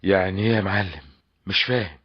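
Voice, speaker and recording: An earnest young suitor on old radio. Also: male voice, low-pitched, quick pace, husky. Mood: pleading. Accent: Egyptian Arabic. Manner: pleading, earnest. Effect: old lo-fi radio drama recording. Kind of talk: old radio comedy drama. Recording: dull lo-fi old radio recording.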